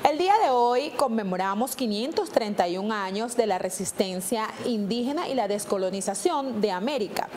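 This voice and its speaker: Hosting a legal program on television, this Venezuelan woman, herself a lawyer, speaks in a formal, polished announcer manner with a Venezuelan Spanish accent. Her mid-range voice is expressive with a darkish tone, and she slows for figures. A little background noise is present.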